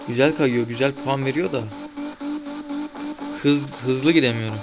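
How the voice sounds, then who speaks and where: A man's voice: medium pitch, moderate pace, over music. A man giving casual gameplay commentary, chatting to viewers and grumbling as he plays. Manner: chatty, grumbling, talks to viewers while playing. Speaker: gaming YouTuber. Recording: loud car game sound behind voice. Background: racing game engine and tire noise.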